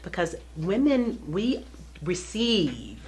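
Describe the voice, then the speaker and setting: A woman's voice: lowish voice, sing-song, slow, darkish tone, slight background noise. A woman co-hosting a talk show discussion, speaking earnestly and with emphasis.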